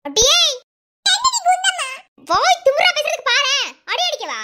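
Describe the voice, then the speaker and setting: A woman with a Madurai Tamil accent voicing a sharp-tongued young village wife in a cartoon, teasing and scolding. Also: very high voice, big pitch swings, measured pace, heavy background noise, full character voice. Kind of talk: cartoon voice acting.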